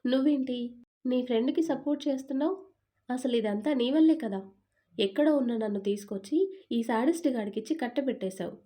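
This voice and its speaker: A woman's voice: sits high, a little fast, warm tone, lightly acted. A woman voicing a sulky, talkative young newlywed wife in an audio story, complaining in a pouting tone.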